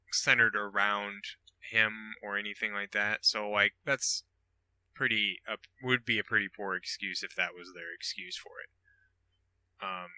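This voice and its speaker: A man chatting on a gaming podcast over voice chat, hesitant and full of fillers. His voice is strikingly bright and forceful, low-pitched, and recorded close and dry. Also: no room sound, low-quality recording. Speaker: podcast co-host. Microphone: voice chat over Discord.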